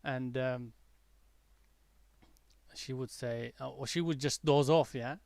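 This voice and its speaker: Stream host, male, mixed American and British accent, gravelly voice, dry close sound, rambling and chatty. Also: medium pitch, steady tone, slow pace, a little mellow, dry recording. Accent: mixed accent, partly American-tinged English learned abroad, softened by years in the UK. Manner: chatty and rambling, with many fillers and restarts. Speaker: day-trading livestream host. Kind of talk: casual live trading commentary.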